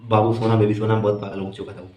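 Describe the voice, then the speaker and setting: A man's voice: on the low side, level tone, fast talker, a little mellow, roomy sound, slight background noise. A man doing stand-up, telling a long comic story in a chatty, amused way. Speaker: stand-up comedian.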